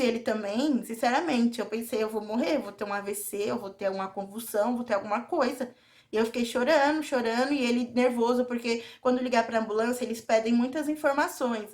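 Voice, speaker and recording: A young woman with a Brazilian Portuguese accent tells a personal story straight to her viewers in a confiding, intimate vlog. Her voice sits a little high, and she keeps pulling the audience in as she talks. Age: young adult. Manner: confiding, often addresses viewers directly. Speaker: vlogger.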